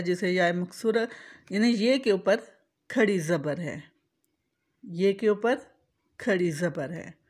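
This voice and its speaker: A woman teaching correct pronunciation, spelling out vowel marks letter by letter and repeating each word. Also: medium pitch. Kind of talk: slow, deliberate instructional explanation.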